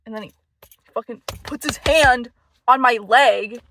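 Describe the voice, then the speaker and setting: A woman's voice: a little high, a little slow, sharp tone, a little hiss or hum. A young woman telling a story to camera in a casual, rambling way, heavy with fillers and swearing. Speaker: vlogger.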